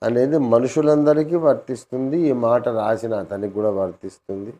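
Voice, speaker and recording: A man in his late sixties answering questions calmly and deliberately, often asking rhetorical questions. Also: mid-range voice. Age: 60s. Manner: calm, measured, with rhetorical questions. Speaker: interviewee. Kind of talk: Q&A conversation.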